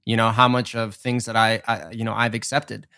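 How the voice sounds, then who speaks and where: A man's voice: fairly low pitch, little pitch movement, moderate pace, creaky, sharp tone, clear, resonant tone, no echo, clean studio sound. A young man hosting a podcast, chatting casually and telling stories, acting out the people he quotes. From Persian family. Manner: chatty storyteller, acts out quoted voices. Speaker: podcast host. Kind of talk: casual chat.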